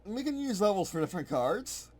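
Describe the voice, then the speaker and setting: Streaming as he revises his game's rules, a designer rambles and self-corrects while thinking aloud at the computer. His voice sits high with a darkish tone, very animated and fairly quick.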